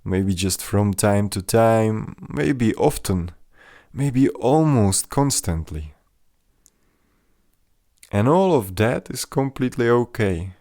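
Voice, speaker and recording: Very slow and gentle, a man with a fairly low voice guides listeners through mindfulness meditation with measured directions, his intonation lively. There's no room echo; the sound is dry.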